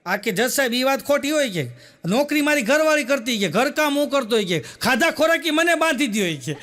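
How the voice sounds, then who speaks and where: Male stand-up joke teller, very high register, storytelling style that laughs at its own jokes. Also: expressive, a little fast, a bit bright. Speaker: comedian.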